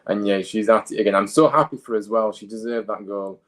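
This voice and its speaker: On a football watchalong, a male guest pundit talks the match over in casual analysis, hesitating and searching for words. His voice is lowish and a bit bright, he speaks fast, and the recording is rough.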